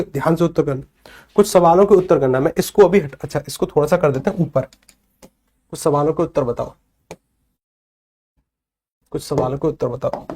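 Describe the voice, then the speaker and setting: Guy in his 30s teaching a class, pretty high voice, keeps asking and answering his own questions. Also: mellow. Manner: drills students with repeated questions and answers. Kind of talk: classroom lecture.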